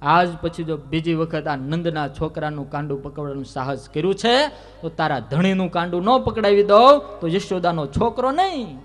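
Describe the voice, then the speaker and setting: A man preaching a devotional story, voicing a mischievous boy who is loud and defiant. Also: a little high, moderate pace, natural voice.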